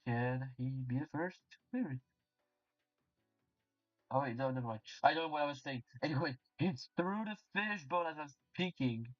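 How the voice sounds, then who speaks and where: A young man commentating a game competition play-by-play, halting with fillers and restarts, then breaking into excited shouts. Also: fairly high pitch, dry recording. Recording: distant dull mic with faint music.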